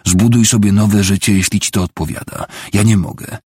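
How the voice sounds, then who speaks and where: A man's voice: fairly low pitch, fairly even intonation, a little fast, a little mellow, breathy edge, no echo, studio quality. A man reading a broken, bitter father. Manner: bitter, stubborn, grim. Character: broken grieving father turned homeless man.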